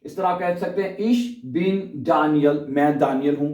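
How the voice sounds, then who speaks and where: A man teaching beginners German in a spoken lesson, spelling out German phrases slowly and checking in with "theek hai" after every line. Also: fairly high pitch, a little mellow. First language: Urdu. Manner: repeats German phrases slowly, says "ठीक है" often. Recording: echoey room, voice from far off.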